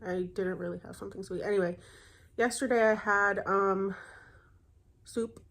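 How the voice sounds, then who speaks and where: A young woman chats to her camera in a loose, rambling vlog, pausing on fillers and correcting herself as she goes. Her voice sounds stuffy and congested, and she sits at a middling pitch for a woman. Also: steady tone, fairly bright tone. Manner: rambling, chatty, many fillers and self-corrections. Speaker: vlogger. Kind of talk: casual chat.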